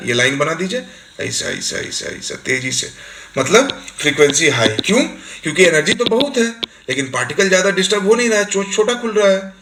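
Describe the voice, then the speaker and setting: A man delivers a recorded exam-coaching lecture, explaining with everyday examples and frequently checking that students are following. His voice is on the high side, bright and forceful. The room is echoey, with faint hiss.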